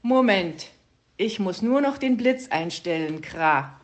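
A woman reading a storybook and voicing a fussy, scholarly male raven who croaks "Kra" at the end of his sentences. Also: medium pitch, lively intonation, takes it slowly.

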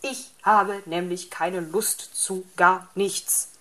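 A woman's voice: fairly low pitch, fairly even intonation, slow pace, a bit bright. A woman voicing a grumpy, lazy male fox in a storybook reading, irritable and grumbling.

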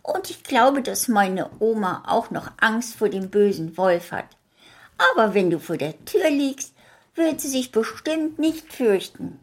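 A woman voicing a kind, chatty little girl, raising her voice high and speaking eagerly. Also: animated, measured pace. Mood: warm.

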